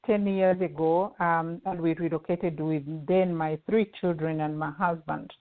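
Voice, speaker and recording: A middle-aged woman with a Ugandan accent, a guest answering interview questions earnestly, with many pauses and fillers. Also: on the low side, steady tone. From western Uganda. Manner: earnest, with frequent fillers and restarts. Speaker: guest, home care agency CEO. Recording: tinny phone-line audio.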